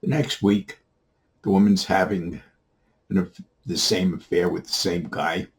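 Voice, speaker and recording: A man telling a long joke in a steady storyteller manner. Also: low-pitched, unhurried. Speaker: comedian.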